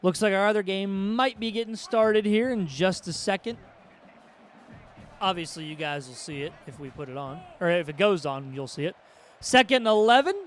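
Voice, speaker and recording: Male play-by-play caller with a high voice. Casual and chatty, gets excited on big plays. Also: moderate pace, faint music behind. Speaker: play-by-play commentator for an online video game football league. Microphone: desk microphone with a mixer board.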